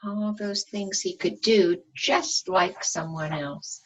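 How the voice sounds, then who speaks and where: A teacher reads a storybook aloud to young children, speaking expressively in simple words and stopping now and then to ask them questions. Her voice is on the low side, and the recording sounds muffled.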